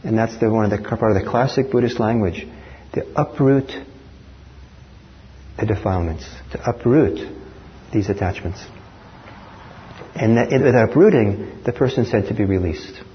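A man from Norway giving a dharma talk as a meditation teacher, speaking in a reflective, measured way. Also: fairly low pitch. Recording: dull lo-fi talk recording with faint hiss.

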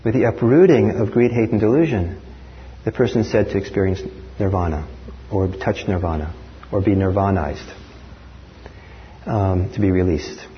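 A man from Norway gives a dharma talk in a reflective, measured way, his voice sitting fairly low. The recording is dull and lo-fi, with a faint hiss underneath. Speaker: meditation teacher.

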